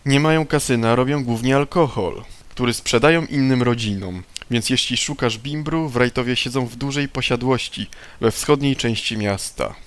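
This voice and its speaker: A man's voice: medium pitch, normal speed, few pauses, close to an everyday voice. A man reading the lines of a wry, streetwise male informant from a video game, in his plain voice. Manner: reads game dialogue aloud plainly. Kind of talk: reading game dialogue aloud.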